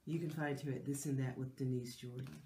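A middle-aged woman with a bass voice speaks fairly quickly and with fairly even intonation, chatting warmly to camera for her lifestyle channel in a decorated living room. The sound is reverberant with slight background noise, her voice stuffy and nasal from a cold, and she uses many fillers and restarts.

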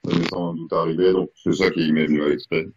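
Very deep-voiced man, reflective. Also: flat delivery, vocal fry, dull audio. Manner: reflective, slow with pauses. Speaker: interviewee. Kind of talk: casual interview.

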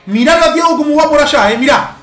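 A young man with an Argentine accent giving excitable gameplay commentary as a video game coach, cheering his players on with bursts of shouting. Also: very high voice, fast. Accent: Argentine Spanish. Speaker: gaming YouTuber. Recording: roomy home setup with faint background music.

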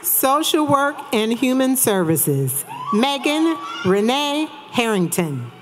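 The crowd and ambience of a big graduation ceremony fill the background as a woman at the podium microphone on a large auditorium stage reads the graduates' names. Her high voice is very animated, and she takes her time, formal and emphatic as a commencement announcer.

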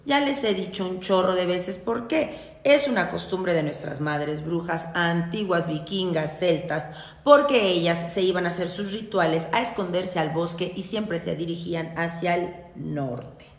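A young Mexican woman teaching a witchcraft ritual in a chatty, teasing way, full of slang and quick laughs. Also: on the low side, roomy sound. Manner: chatty and salty, teasing her viewers with slang; laughs often at her own jokes. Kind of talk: casual spoken ritual tutorial.

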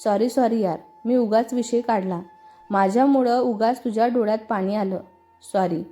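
A woman voicing a kind young woman who works at a bank, speaking gently in a storybook reading. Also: fairly high pitch, moderate pace, faint music behind, lightly acted. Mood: apologetic. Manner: gentle, apologetic.

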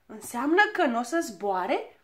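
A woman's voice: fairly high pitch, sing-song, fairly bright tone. A woman voicing a hot-tempered male dwarf who snaps indignantly in a storybook reading.

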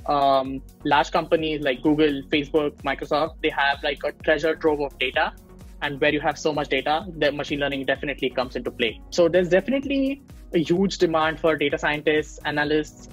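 The speaker is a young man from India appearing as a machine learning engineer guest in a casual video-call interview. Recorded on earbuds in a small home room, he explains his field with lots of fillers and restarts in a voice on the high side. The recording is rough.

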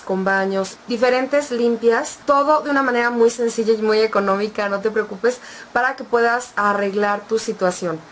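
A woman's voice: a little high, a little hiss or hum. A woman vlogger giving casual, reassuring advice, speaking straight to her viewers in an affectionate way. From Mexico. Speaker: vlogger and tarot reader.

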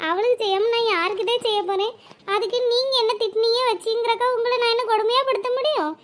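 A woman voicing a kind, reassuring young married woman in a cartoon, speaking in a firm, comforting way. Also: extremely high pitch. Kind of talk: cartoon voice acting.

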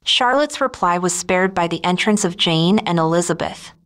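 A woman narrating a classic novel as an audiobook in a measured, even manner. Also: on the low side. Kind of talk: scripted narration.

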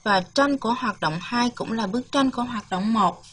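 A woman from Vietnam teaching English to young children, modelling words slowly and emphatically for them to repeat and coaxing them with gentle questions. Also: fairly high pitch, slight background noise. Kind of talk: bilingual classroom lesson with listen-and-repeat drills.

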